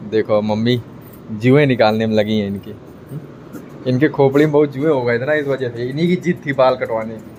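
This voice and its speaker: A young family vlogger talks casually to his phone camera at home, teasing and often calling out to his audience. His medium-pitched, slightly mellow voice moves at a moderate pace, and the audio has its highs cut off with slight background noise.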